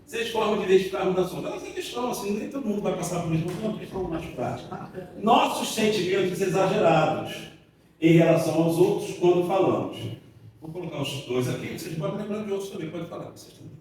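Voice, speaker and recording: Here a seminar speaker with a Brazilian Portuguese accent talks quickly in a high-pitched, slightly mellow voice, giving a chatty, joking informal lecture with slang and little acted-out quotes. He's before an audience in a large, echoey hall, far from the mic, and there's a little hiss or hum.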